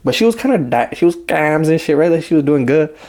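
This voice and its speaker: A man's voice: a little high, animated, fast talker, a little mellow. A young man telling a casual storytime, rambling in heavy slang and acting out what people said. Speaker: vlogger.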